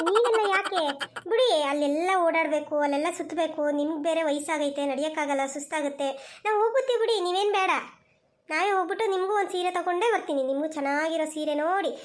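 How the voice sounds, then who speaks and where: A woman's voice: very high-pitched, fast. A woman voicing a patient young daughter-in-law in a village cartoon, who talks in a coaxing, placating way. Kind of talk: cartoon voice acting.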